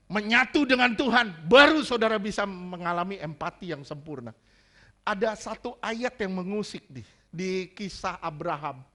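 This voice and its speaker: A man delivering a sermon from the pulpit, jumping between teaching and jokes. His voice sits high and has a bright edge. He keeps things animated and playful. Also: moderate pace. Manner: joking, animated preaching with laughter. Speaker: pastor.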